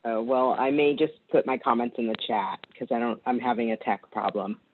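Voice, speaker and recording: A man speaks up at an online meeting, searching for his words as he goes. His audio keeps breaking up, with endings cut off. It all comes through a narrow, tinny, phone-like call line at an ordinary middle pitch. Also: fairly even intonation, a little fast. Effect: choppy audio cutting out mid-word. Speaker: doctor giving public comment. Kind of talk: public comment at an online meeting. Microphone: video call.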